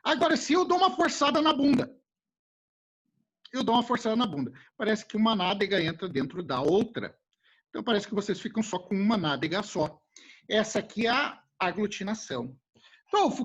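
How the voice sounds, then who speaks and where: A male teacher from giving a casual classroom lesson, animated and jokey, speaking to his students as a group. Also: high-pitched, brisk, slightly rough. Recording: muffled lo-fi recording.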